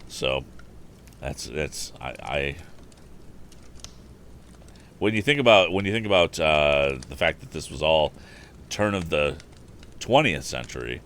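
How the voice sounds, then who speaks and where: Unhurried and expressive, with long pauses, a man with an extremely low but slightly bright voice hosts a storytime livestream. He reads books animatedly and chats casually into a streaming microphone, with faint background noise audible.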